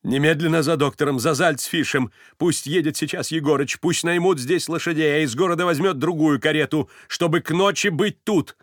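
A man doing a loud, domineering noblewoman. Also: a little high, moderate pace, few pauses, dry recording, studio quality, pitched above the performer's own voice, lightly acted. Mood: commanding. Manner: commanding, scolding, loud. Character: imperious middle-aged noblewoman, hot-tempered, domineering. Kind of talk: audiobook character voice.

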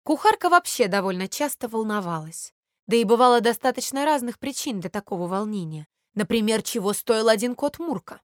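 A woman narrating a children's fairy tale in an expressive, measured reading. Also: on the high side, dry recording, clean studio sound. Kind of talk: storybook narration.

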